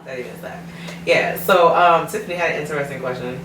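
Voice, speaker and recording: A woman's voice: low voice, fast talker, a bit bright, soft background music. A woman co-hosting a casual podcast chat, blunt and tipsy, laughing and swearing freely. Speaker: podcast co-host. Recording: echoey room, mic far off, faint noise.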